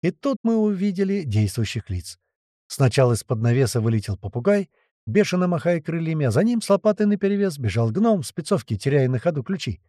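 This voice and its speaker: A man reading an adventure story aloud as a narrator, in a lively storytelling manner. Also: a little high, brisk, no room sound, clean studio sound. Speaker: audiobook narrator. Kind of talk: scripted narration.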